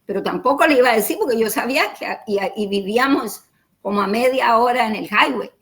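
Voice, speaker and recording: A woman's voice: fairly high pitch, fast, fairly bright tone, low-quality recording. A middle-aged woman telling her personal story in an interview, acting out the dialogue in quoted voices and repeating words as she goes. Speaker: interview guest.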